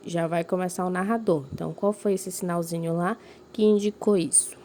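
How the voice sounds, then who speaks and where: A woman's voice: lowish voice, fairly even intonation, mellow. A woman teacher giving a recorded lesson to young pupils, explaining patiently and checking in with them often. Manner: slow, clearly emphasized reading of examples.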